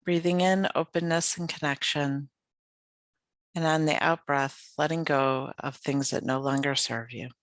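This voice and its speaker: A meditation guide's medium-pitched voice, with fairly even intonation, carries a yoga nidra practice in a soothing, unhurried way. Gentle invitations and pauses mark the delivery, and there is no echo.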